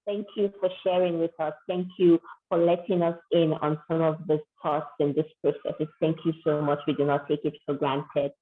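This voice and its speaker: A woman with a very low voice moderates an online panel in an effusive, grateful way, repeating her thanks. Her voice comes through a tinny, phone-like line. She sounds like she is on a video call. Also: flat delivery, normal speed, hardly any pauses. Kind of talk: webinar moderation.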